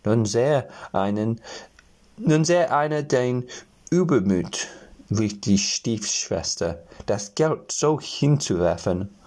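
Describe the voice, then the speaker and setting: A man reading a fairy tale aloud as a storyteller, telling it gently and now and then addressing the listeners. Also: on the low side.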